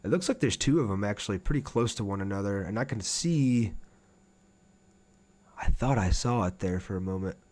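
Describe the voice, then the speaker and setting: This is a casual livestream where a man plays a video game and answers his chat, reading their messages out loud. He has a lowish, darkish voice and keeps a moderate pace.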